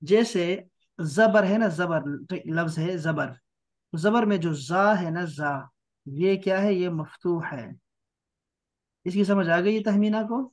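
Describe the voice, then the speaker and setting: Patient man teaching Arabic grammar. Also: high voice. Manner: patient, repeats key terms slowly. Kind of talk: online grammar class. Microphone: online class mic.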